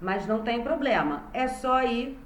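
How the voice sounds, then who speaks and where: Speaking a little slowly in a fairly high, expressive voice, a woman teaching at primary level records a lesson for small children, patiently breaking words into syllables. She has a Brazilian Portuguese accent, and the room adds a roomy echo.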